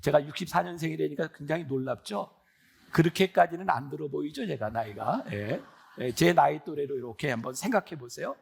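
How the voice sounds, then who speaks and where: 60s pastor guy preaching, pretty high voice, talks to the crowd like a chat, lots of questions. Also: animated, brisk, gravelly, husky. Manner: earnest, conversational preaching with rhetorical questions. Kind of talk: sermon.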